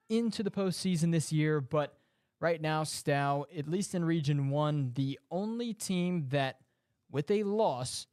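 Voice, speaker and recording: Male sports co-host, clear, smooth analytical read, dry close mic. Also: fairly high pitch, a little mellow, dry recording. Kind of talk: high school football talk show.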